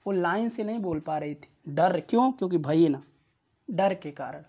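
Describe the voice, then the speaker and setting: A woman's voice: lowish voice, animated, normal speed, warm tone. Patient woman teacher explaining Sanskrit. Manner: repetitive, patient explaining with frequent comprehension checks. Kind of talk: explaining a Sanskrit text line by line.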